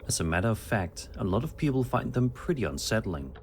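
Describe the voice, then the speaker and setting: A man reading a scripted narration with a measured, even storytelling delivery. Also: lowish voice, slight background noise.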